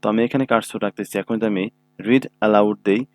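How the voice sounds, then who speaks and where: A man's voice: on the low side, fairly even intonation, quick pace, no room sound. A man giving a screen-recorded computer tutorial, explaining each step patiently and often checking that listeners follow. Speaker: computer instructor. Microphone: own microphone.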